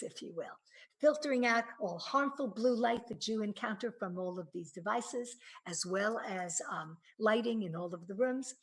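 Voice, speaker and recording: A woman's voice: a little high, rough recording. A woman giving a presentation on eye-health supplements, explaining earnestly with frequent fillers and restarts.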